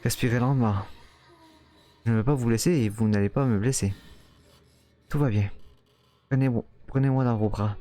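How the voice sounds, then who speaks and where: A man reading out a gentle, caring young woman in a visual novel, polite and soothing. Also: medium pitch, normal speed, pauses often, no echo, faint music behind, close to an everyday voice.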